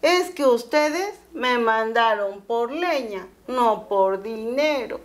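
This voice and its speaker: A woman voicing a lazy, stubborn young village man who drawls his words slowly. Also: on the high side, expressive. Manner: slow, drawn-out pleading.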